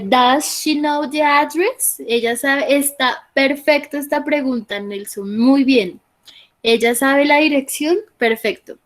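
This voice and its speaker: A woman's voice: sits high, poor audio. A woman teaching an English class online, reading out student answers and patiently explaining corrections, often checking in with "¿listo?".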